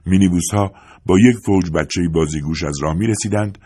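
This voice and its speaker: A man narrating a literary audiobook in a calm, even storytelling manner. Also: low voice.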